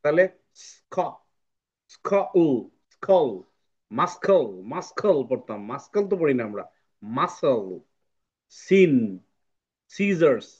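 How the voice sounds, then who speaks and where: Man teaching phonics online. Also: medium pitch. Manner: patient, repeats words slowly for drilling. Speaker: English teacher. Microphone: video call. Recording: lo-fi online class audio.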